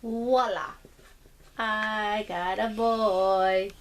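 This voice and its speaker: A woman's voice: mid-range voice, fairly even intonation, very slow. A woman playing with her small son at home, talking to him in simple, patient words. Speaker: mother playing with her toddler. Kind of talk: casual home video play. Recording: home video with noise.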